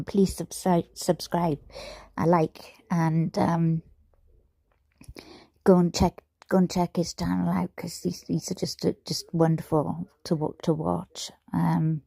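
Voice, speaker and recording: Slow Welsh woman on a livestream headset. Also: lowish voice, creaky, mellow, no room sound. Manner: chatty, many fillers and restarts. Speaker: livestream host covering a trial. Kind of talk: casual livestream chat.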